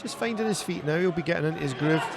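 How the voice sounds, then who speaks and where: A man with a Scottish accent calling a cage fight as lead commentator, loud and matey, breaking down the technique. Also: on the high side, rapid-fire, very noisy. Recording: commentary with music and crowd behind.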